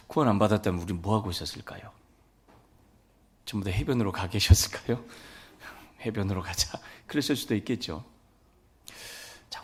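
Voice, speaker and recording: A man's voice: lowish voice, slightly rough. A man preaching a sermon as a pastor, telling folksy stories and acting out family dialogue. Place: church sanctuary.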